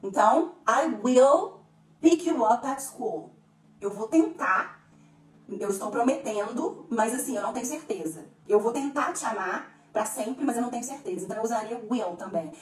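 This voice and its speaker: A woman teaching English grammar to Portuguese speakers, lively, slowing down to spell out each English example. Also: on the high side, recorded from a distance. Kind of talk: explaining grammar to camera. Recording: echoey room, a bit off-mic.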